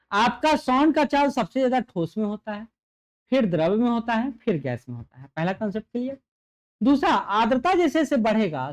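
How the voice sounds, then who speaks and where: A man teaching an exam-prep lecture, repeating key points and checking understanding with rhetorical questions. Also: high-pitched. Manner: gets louder and softer to demonstrate sound.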